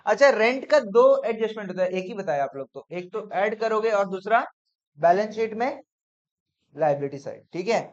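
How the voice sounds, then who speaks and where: A man teaching accounts in a classroom lecture, brisk and coaxing, often checking whether students follow. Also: high voice, animated. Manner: brisk, coaxing, peppered with "theek hai?". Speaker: commerce teacher. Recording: dull lo-fi classroom recording.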